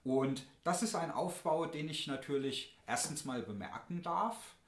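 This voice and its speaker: A man teaching a piano lesson, calm and deliberate, speaking straight to the viewer as he explains. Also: a little high. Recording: roomy sound with piano.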